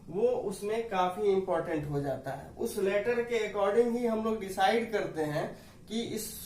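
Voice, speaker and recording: Man, high-pitched grammar teacher, patient and repetitive, echoey room, distant mic. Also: darkish tone. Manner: patient, repeats rules, addresses dear students. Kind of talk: classroom explanation to students.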